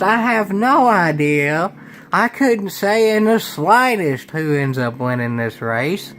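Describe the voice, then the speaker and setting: A man's voice: high voice, slight background noise. A man commentating a video game racing league in an exaggerated put-on country drawl, folksy and playful, full of hokey sayings. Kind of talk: sim-racing play-by-play commentary.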